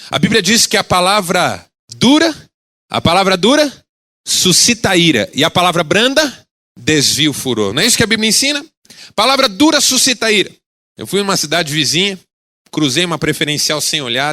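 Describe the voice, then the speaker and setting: Animated, bright-voiced preacher. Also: male voice, a little high. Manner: animated, dramatic storytelling with acted quotes. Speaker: pastor. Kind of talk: sermon. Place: radio broadcast of a sermon.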